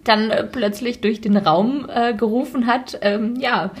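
A woman in her twenties co-hosts a casual podcast, chatting freely, laughing often and using lots of fillers. Her voice is on the high side and her pace unhurried.

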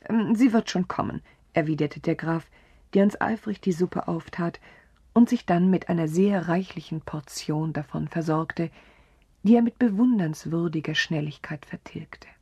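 A woman narrating a story in a soft, breathy whisper, calm and measured, close to the mic. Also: low-pitched, no room sound, muffled recording.

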